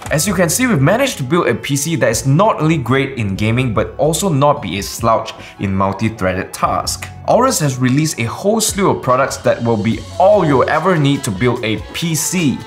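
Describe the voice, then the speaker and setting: A man's voice: mid-range voice, sing-song, normal speed, hardly any pauses, faint music behind. A young man with a Malaysian English accent narrating a scripted tech review as the video's host.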